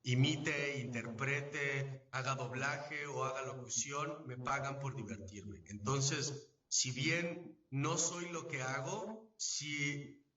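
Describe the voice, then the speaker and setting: A Mexican-accented man lays things out patiently, like a teacher who checks you are following. His voice is bright and forward. He sounds distant from the mic, with an echoey, somewhat dull sound from a big room. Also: mid-range voice. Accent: Mexican Spanish. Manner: didactic, measured, asks if understood. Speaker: voice actor, interview guest. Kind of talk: live event interview, explaining at length. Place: event venue.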